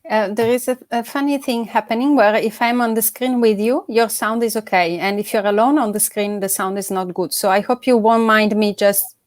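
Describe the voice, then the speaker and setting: A woman's voice: mid-range voice, fairly even intonation, normal speed, no echo, studio quality. A woman moderating an online conference session, polite and apologetic, with fillers.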